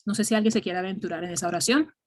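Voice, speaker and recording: A woman's voice: mid-range voice, rapid-fire, a little mellow. A woman teaching an English grammar class, explaining patiently step by step and often checking in with "ok?".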